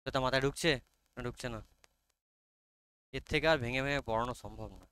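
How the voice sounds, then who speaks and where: Bengali-accented male teacher, bright clear voice. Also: medium pitch. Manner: coaxing, repeatedly checks understanding, reads English lines very slowly. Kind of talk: online class explaining an English text.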